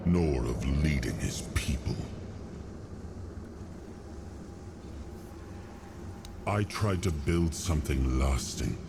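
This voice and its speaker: An actor playing a weary, solemn, noble king in a video game, speaking in a grave, measured and deliberate way. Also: a bass voice, noisy background, exaggerated voice. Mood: bitter, disappointed. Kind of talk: dramatic video game cutscene acting. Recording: dramatic music behind the voice. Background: cinematic game music.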